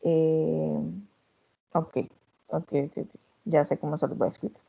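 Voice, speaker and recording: Woman teaching anatomy online, mellow lowish voice, lots of "eh" and "perdón", muffled laptop mic sound. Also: level tone, measured pace, gravelly. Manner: explanatory, demonstrative, with filler words and self-corrections.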